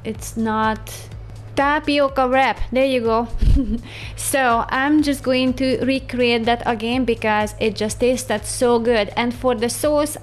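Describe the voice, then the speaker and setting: A woman in her thirties with a Hungarian accent talks through her cleaning day in a chatty vlog voice-over. Her voice sits a little high, and at times she gropes for the right word. Soft music plays faintly underneath. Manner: chatty, searches for words. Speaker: homemaking vlogger. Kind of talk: casual voice-over narration. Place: home kitchen.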